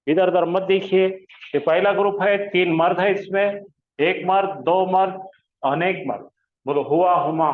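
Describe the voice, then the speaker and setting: Man teaching over a tinny echoey line. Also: sits high. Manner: drills pronouns with call-and-response questions. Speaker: Arabic grammar teacher. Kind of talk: classroom lesson.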